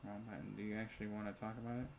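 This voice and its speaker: A man's voice: fairly low pitch, flat delivery, racing, creaky, slight background noise, low-quality recording. A man casually commentating a chat game, reading messages aloud, muttering asides and swearing freely. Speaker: let's play host. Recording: loud keyboard typing behind. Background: keyboard clicks and typing.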